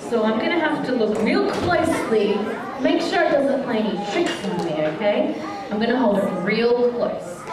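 A woman's voice: on the high side, moderate pace. A young woman working as a kids party magician and clown, talking to children in a playful, exaggerated way. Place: large indoor hall, performing on a stage area to children. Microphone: distant audience camera. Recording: echoey hall, distant mic, crowd and music. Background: crowd of children and music.

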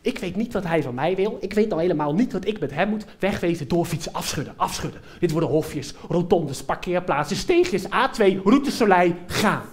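A young man doing a stand-up comedy monologue on a theater stage, telling an animated story straight to the live audience. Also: sits high, normal speed, hardly any pauses. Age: young adult.

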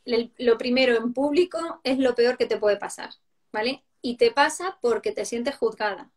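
A woman, a parenting educator, explaining in a lively conversational way and acting out the voices she quotes. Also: on the high side, moderate pace. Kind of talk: conversational interview answers.

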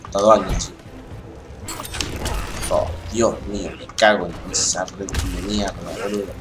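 A man's voice: deep voice, little pitch movement, unhurried. A young man with an Argentine accent commentating his gameplay, swearing and ranting in exasperation. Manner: foul-mouthed, ranting, easily exasperated. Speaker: gamer. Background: game music and sounds.

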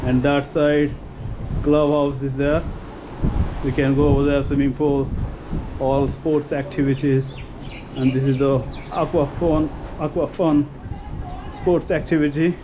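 A man giving a relaxed, casual tour of a seaside resort, pointing things out as he walks and mixing in Hindi. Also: on the high side, unhurried, long pauses, highs cut off, noisy background. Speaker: travel vlogger.

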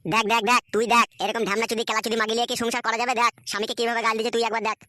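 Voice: mid-range voice, level tone, very fast, bright, forceful tone, no room sound, lightly acted. Someone voicing a foul-mouthed cartoon husband. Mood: abusive. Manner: abusive and swearing. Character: crude quarrelsome husband, adult male. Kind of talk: sped-up cartoon voice acting.

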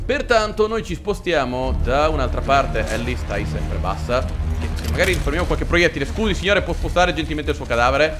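Lively man narrating his gameplay. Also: a little high. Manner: animated, jokey, talks to viewers and characters. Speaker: gaming channel host. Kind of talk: casual let's-play commentary.

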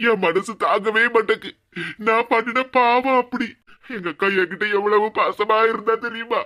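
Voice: medium pitch, pushed and bright, lightly acted. A voice actor playing a remorseful, tearful middle-aged cartoon husband in Kanyakumari Tamil who laments and repeats himself. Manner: lamenting, repeats phrases mournfully. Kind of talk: cartoon comedy voice acting.

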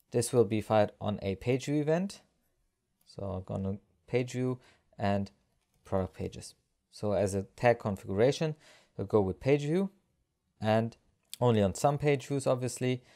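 Speaking at a medium pitch, a male instructor narrates a software screencast tutorial step by step, explaining each action as he performs it.

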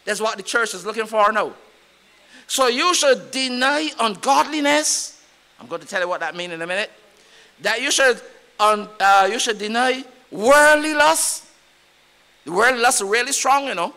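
A man's voice: very high voice, lively intonation, moderate pace, bright, forceful tone, clear, resonant tone. A man with a Barbadian accent preaching a sermon in church, emphatic and repetitive, often rising in volume. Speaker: pastor.

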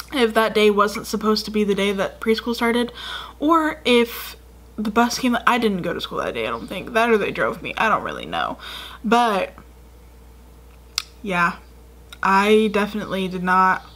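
This casual storytelling vlog features a YouTuber in her twenties recounting her childhood in a chatty, meandering way with many fillers, filmed indoors in a dim room facing the camera. Her mid-range voice is sing-song and a bit bright, moving at normal speed with long pauses.

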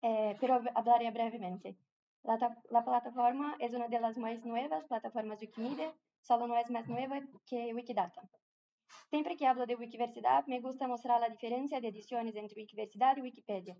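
A Brazilian conference speaker with a Portuguese accent presents in a large room, her voice on the high side, steady, and brisk. She speaks carefully, hesitating often and restarting her words, and the recording sounds muffled.

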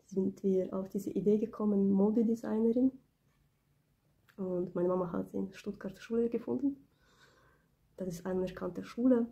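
A Ukrainian beauty business owner in her twenties records a casual personal vlog into a phone camera held close, in a small indoor room. Because of a cold, her mellow, slightly gravelly voice stays low, and she speaks softly and hesitantly with many pauses and fillers. There's a little hiss or hum.

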